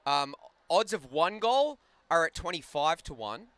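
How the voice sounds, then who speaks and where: A man calls a live ice hockey game in a chatty, joking manner, trading banter with his partner. His voice is bright and crisp, sitting a little high for a man, and the sound is close and dry with no room around it. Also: big pitch swings, measured pace, dry recording. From Australia. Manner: chatty, banters and laughs often. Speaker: play-by-play commentator.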